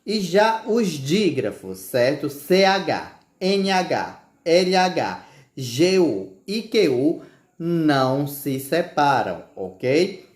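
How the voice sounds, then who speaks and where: A man's voice: on the high side, sing-song, very slow. A male teacher giving a recorded class, patiently spelling words out letter by letter and often checking in with his students. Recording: echoey room.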